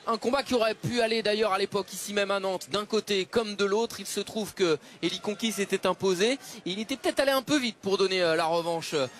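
A man's voice: sits high, a little fast, hardly any pauses, a bit bright. A man giving live television boxing commentary. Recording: clearly noisy live arena broadcast.

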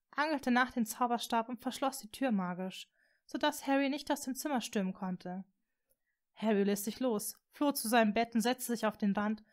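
A woman reading a fan fiction story aloud as an audiobook, in a calm, steady way. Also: a little high. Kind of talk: audiobook narration.

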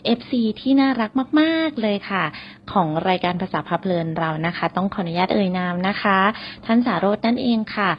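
A woman teaching English on a radio show, spelling words out and repeating example phrases slowly. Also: medium pitch, lively intonation, dull audio, a little hiss or hum. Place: radio studio.

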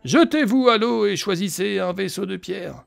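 A man voicing a solemn ancient spirit from a video game, declaiming slowly. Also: high-pitched, lively intonation, creaky, faint music behind, voice pushed up, heavily acted. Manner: slow, declaiming.

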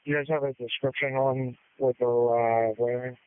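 A male rescue responder reporting from the field over a two-way radio, quick and informal, with fillers between facts. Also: medium pitch, level tone, clean tone, dry recording. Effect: two-way emergency radio transmission. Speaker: rescue unit member in the field. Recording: tinny, dry radio channel.

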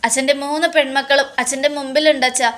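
A woman doing a caring young daughter, gentle and pleading, soothing tone, high voice. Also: steady tone, fast talker.

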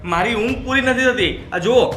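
A man's voice: very high voice, normal speed, a bit bright. A man playing a tired, complaining young husband who gives in easily. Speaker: newly married husband. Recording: roomy echo.

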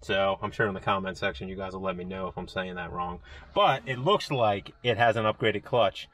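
A man's voice: low-pitched, fairly quick, a bit bright. A man narrating a casual vlog in a garage, thinking aloud as he explains a car problem with frequent "um" fillers. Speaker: car shop owner and vlogger. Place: auto garage.

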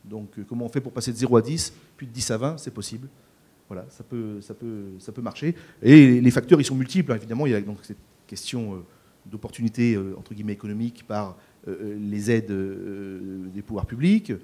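On a conference panel, a middle-aged farmer from France talks into a handheld microphone in front of an audience. His voice sits on the low side with a dark tone, and he speaks a little fast but hesitantly, full of fillers and repetitions.

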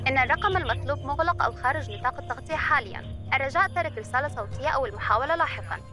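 Casting: an automated network error-message announcer, very rapid, bright, formal and impersonal. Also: female voice, high voice, animated, faint music behind. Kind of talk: recorded telephone error message.

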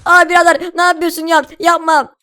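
A man voicing a cheeky male sidekick friend in a game role-play, chummy and teasing, quick to warn. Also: very high-pitched, completely flat delivery, pushed and bright, pitched above the performer's own voice. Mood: indignant.

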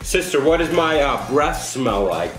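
A man's voice: on the high side, very animated, measured pace. A teenage young man casually commentating on a challenge while eating sour candy, groaning as he reacts. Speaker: vlog host. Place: small indoor room at home, seated at a table. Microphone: camera a short distance away. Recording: echoey room, distant camera mic.

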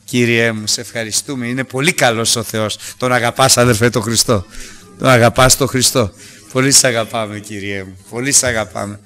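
A man preaching a Bible-study sermon to a congregation without a microphone, swinging from loud acted quotes to soft asides. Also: medium pitch, steady tone, soft background music. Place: church hall without a microphone.

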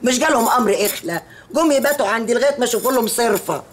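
An actress playing a sharp-tongued mother figure with an Egyptian accent, brisk and teasing. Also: fairly high pitch, lively intonation, close to an everyday voice. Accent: Egyptian Arabic.

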